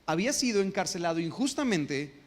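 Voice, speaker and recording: High-pitched preaching man in a reverberant hall. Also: sing-song, a little fast. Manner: preaching with rhetorical questions to the congregation. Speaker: pastor. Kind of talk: sermon. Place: church sanctuary.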